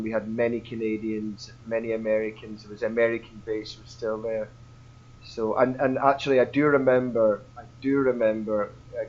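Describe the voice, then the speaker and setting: A band front man with a mild Scottish accent talks through his stories in a loose, rambling way. He often repeats words as he gathers his thoughts and laughs easily. His voice sits at an ordinary pitch, and the recording sounds dull and lo-fi. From Scotland. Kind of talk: casual interview chat.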